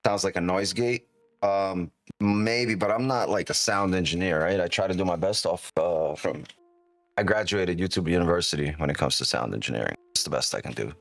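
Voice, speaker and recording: A live trading streamer hosts with a deep, whiskey-toned, creaky male voice, offering casual commentary at a moderate pace. He thinks aloud and keeps checking in with "right?" The mic is close and there's no echo.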